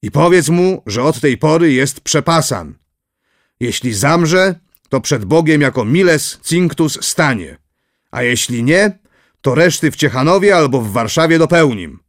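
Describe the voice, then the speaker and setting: A man reading aloud, voicing an older kindly prince who speaks in a slow, measured, fatherly way. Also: a little high, expressive, dry recording, clean studio sound, voice pushed up. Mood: benevolent.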